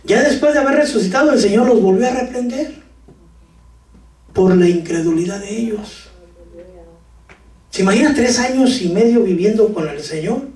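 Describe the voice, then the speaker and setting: A man preaching a lively sermon to his congregation with jokes, sudden shouts and talk of brothers. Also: high-pitched, moderate pace, pauses often. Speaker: pastor. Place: church hall. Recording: echoey church hall from far off.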